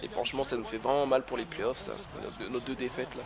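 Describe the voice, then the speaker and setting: A man's voice: mid-range voice, fast talker, a crowd in the background. A man giving live commentary over a basketball video game, egging on his team and scolding himself when plays go wrong. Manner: excitable, swings between cheering and cursing frustration; coaches his teammates aloud, self-critical. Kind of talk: live let's-play commentary.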